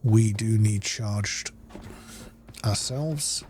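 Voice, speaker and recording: Soft music plays behind this man's somewhat low, slightly mellow voice as he draws out his words. Hosting a playthrough as a game streamer, he offers relaxed let's-play commentary, guiding viewers step by step in an easygoing, instructional style.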